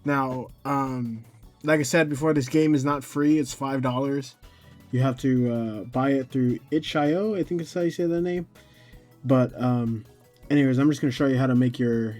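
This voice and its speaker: A man hosts a casual, screen-recorded software tutorial, rambling hesitantly and often correcting himself. His mid-range, slightly mellow voice has fairly even intonation at normal speed, with faint music behind him.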